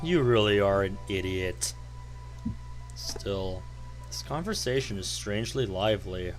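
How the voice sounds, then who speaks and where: A man reading aloud the lines of a sharp-tongued, cocky young man from a visual novel. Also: on the low side, animated, a little slow, faint music behind, voice pushed down. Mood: scornful.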